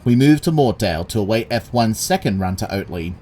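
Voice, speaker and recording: A man's voice: on the low side, animated, brisk, background noise. A man giving plain, factual scripted narration in a railway documentary style.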